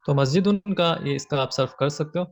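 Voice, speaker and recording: A man's voice: on the high side, fairly quick. A man teaching grammar from slides, patiently repeating his points with frequent fillers. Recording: slightly dull lo-fi audio.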